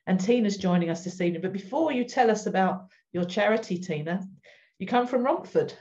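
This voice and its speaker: A woman's voice: mid-range voice, expressive, a little fast, darkish tone, highs cut off. A woman hosting informally and introducing a guest. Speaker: host of an online gathering.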